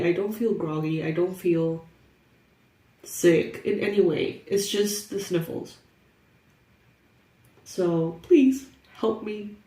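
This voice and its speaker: A woman's voice: medium pitch, warm tone, reverberant, distant mic. A young woman with a stuffy, congested nose, chatting casually through a tarot reading and laughing often. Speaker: tarot reader.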